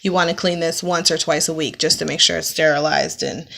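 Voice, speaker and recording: A young woman with a slightly low but bright, forceful voice walks through her beauty routine in a relaxed, chatty way. She explains each product step by step and fills pauses with ums. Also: gravelly. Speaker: beauty vlogger. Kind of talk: casual makeup tutorial. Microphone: camera mic, close-ups to the lens.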